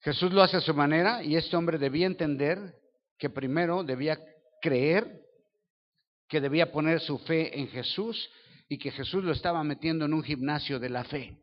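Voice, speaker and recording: A man's voice: fairly high pitch, moderate pace, long reverb tail, lo-fi sound. A Mexican man preaching a sermon as pastor, telling the story vividly, acting out voices and asking the listeners questions. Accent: Mexican Spanish. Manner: lively storytelling, acts out dialogue voices, asks the audience questions.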